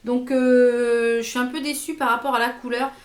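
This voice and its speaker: Reviewing makeup casually, this woman vlogger is chatty and keen on the products, though she hesitates a lot, repeating herself and leaning on fillers. She speaks at normal speed with a slightly high, flat delivery in a roomy-sounding recording.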